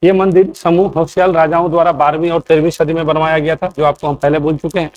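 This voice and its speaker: Male coaching teacher, slightly high voice, lectures with a steady question-and-answer rhythm. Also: fast. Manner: asks quiz questions and answers them, keeps checking in. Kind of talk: classroom lecture.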